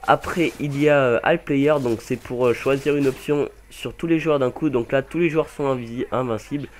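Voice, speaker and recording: A man's voice: medium pitch, moderate pace, darkish tone. A young man casually commenting over a game mod demo, rambling with many fillers and self-corrections. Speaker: gaming channel host.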